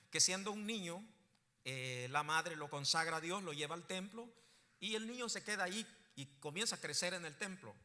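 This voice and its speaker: Male pastor, fairly high voice, church hall reverb. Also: pushed and bright. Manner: rising to emphatic preaching bursts, asks the congregation questions. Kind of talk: sermon.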